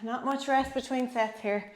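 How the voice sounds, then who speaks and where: A woman's voice: sits high, fairly even intonation, normal speed. A middle-aged woman working as an aerobics instructor, coaching a home workout with encouraging short cues and countdowns while exercising herself. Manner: exerting while demonstrating exercises. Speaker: fitness instructor. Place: small indoor home gym. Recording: echoey small room, distant camera.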